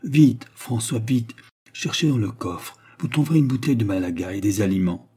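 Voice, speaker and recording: A man reading aloud and voicing a countess who gives urgent orders out of compassion, in a mellow, husky voice. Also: on the low side, moderate pace. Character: caring noblewoman, the count's wife.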